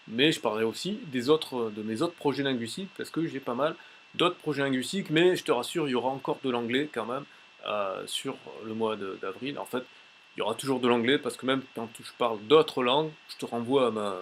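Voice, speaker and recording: A man's voice: mid-range voice, a bit bright, a little hiss or hum. Chatty man explaining with many fillers. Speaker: language teacher and YouTuber. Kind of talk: casual tutorial with screen demo.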